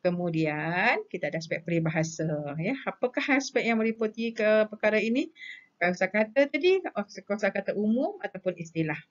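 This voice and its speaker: A woman's voice: medium pitch, lively intonation, fairly quick. A woman teacher with a Malaysian Malay accent gives a recorded grammar lesson. She lists terms one by one and asks questions that she then answers herself. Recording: dull lo-fi recording.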